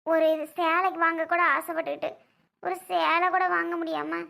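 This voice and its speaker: A woman's voice: extremely high pitch, level tone, normal speed, gravelly, sharp tone, full character voice. A woman playing a bitter young wife who complains tearfully and scolds as she grieves her family's losses. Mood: resentful.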